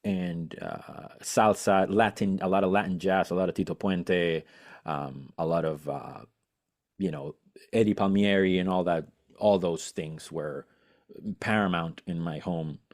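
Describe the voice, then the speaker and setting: A man's voice: sits low, fairly even intonation, unhurried. A man from Venezuela, a musician guest on a podcast, chatting eagerly and rambling with many fillers and restarts. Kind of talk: casual interview chat.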